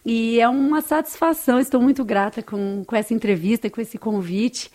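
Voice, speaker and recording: A Brazilian woman with a Brazilian Portuguese accent tells stories in a heartfelt, conversational way as an interview guest. Her voice is on the high side and darkish, at normal speed with fairly even intonation.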